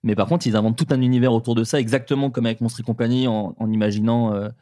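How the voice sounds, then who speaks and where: A young man hosting a comedy podcast, joking quickly and asking his guests questions. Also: medium pitch, fairly even intonation, mellow, no room sound, studio quality. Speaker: podcast host. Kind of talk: casual comedic chat.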